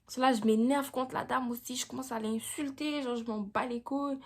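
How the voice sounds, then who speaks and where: A woman's voice: high voice, steady tone, a little fast. A young woman vlogger telling a personal story time in a slangy, chatty way, with frequent "tu vois".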